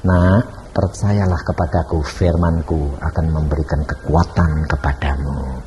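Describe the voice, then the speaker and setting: A man voicing a gentle fatherly Jesus. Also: deep voice, moderate pace, highs cut off, pitched below the performer's own voice, lightly acted. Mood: tender. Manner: calm, tender, calls her "child".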